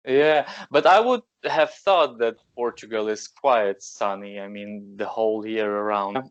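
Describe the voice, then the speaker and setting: A man's voice: on the low side, unhurried, dry recording. A man hosting a podcast who interviews a guest over a call, in a friendly and encouraging way. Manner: friendly, encouraging, asks open questions. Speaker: podcast host. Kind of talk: casual interview. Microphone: remote call. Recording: dry, dull lo-fi sound.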